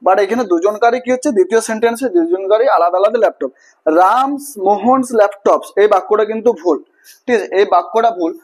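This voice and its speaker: A man's voice: sits high, very fast, darkish tone. A man teaching English grammar, repeating himself, spelling words letter by letter and checking in with the class often.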